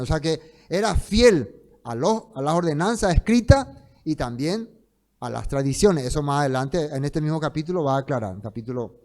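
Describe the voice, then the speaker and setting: Emphatic male preacher with a raised pitch. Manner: emphatic, swings between loud stresses and soft trailing phrases; slows down to read scripture aloud. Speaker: Bible study teacher. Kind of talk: sermon-style Bible teaching.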